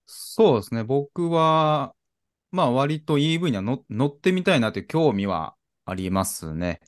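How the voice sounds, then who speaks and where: A man's voice: mid-range voice, lively intonation, moderate pace. A man co-hosting a car podcast, chatting casually but politely. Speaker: podcast co-host, car garage owner.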